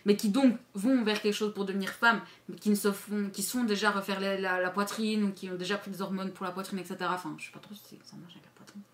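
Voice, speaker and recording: A woman vlogger chats openly to her viewers, with blunt, crude wording and lots of restarts. She swings from loud, excited remarks to quick muttered asides, in a voice of ordinary height. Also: medium pitch. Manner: chatty, candid and crude, with many restarts; playful, jumping between loud and mumbled asides. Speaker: YouTuber. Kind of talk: casual vlog chat to camera.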